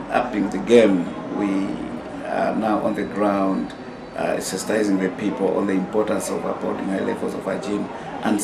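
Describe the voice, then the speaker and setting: A man's voice: on the low side, vocal fry. A man speaking as a health official, hesitant with fillers. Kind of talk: interview statement. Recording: echoey, distant, noisy field recording.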